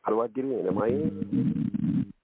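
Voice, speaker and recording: A man calls in to a radio talk show over a phone line that keeps breaking up. His voice is husky and dry, and he keeps checking whether he has been put through. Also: fairly low pitch, a little slow, mellow, dry recording. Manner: confused, asking if he is on air. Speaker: caller.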